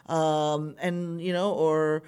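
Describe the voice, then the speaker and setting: A woman's voice: little pitch movement, very slow, darkish tone, clean tone. A woman telling a candid personal story, talking openly and with plenty of swearing, acting out the things people said. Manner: candid, profane, acts out quotes with big pitch jumps.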